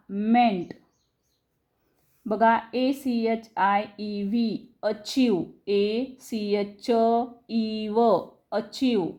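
A woman teaching English reading to students, spelling words out letter by letter and then explaining in quick bursts, checking often that they follow. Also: medium pitch, a little mellow. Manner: addresses students directly, checking understanding.

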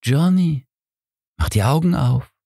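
A man's voice: fairly high pitch, lively intonation, takes it slowly, creaky, warm tone, breathy edge, dry recording, clean studio sound, voice pushed up, exaggerated voice. A man voicing the ghost of a dead wife who coaxes and pleads seductively.

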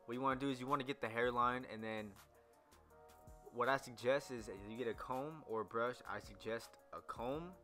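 A man's voice: medium pitch, normal speed, bright, forceful tone, soft background music. A young man, a barber, talking loosely through a haircut tutorial with lots of ums and restarts. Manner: loose, rambling, many fillers. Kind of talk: casual voice-over tutorial.

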